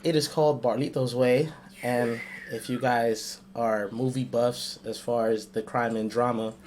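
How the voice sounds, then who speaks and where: Rapper dude just chatting, kinda rambly, laughs a lot, faint hiss behind. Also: male voice, mid-range voice, fairly even intonation, unhurried, a little mellow. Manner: loose and rambling, laughs between phrases. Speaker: rapper and podcast regular. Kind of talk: casual podcast chat.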